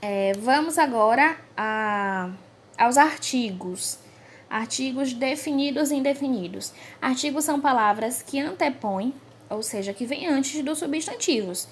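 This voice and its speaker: A Brazilian woman teaching a grammar review to young pupils, speaking slowly and clearly and stressing each example word. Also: sits high, lively intonation, slight background noise. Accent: Brazilian Portuguese. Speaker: primary school teacher.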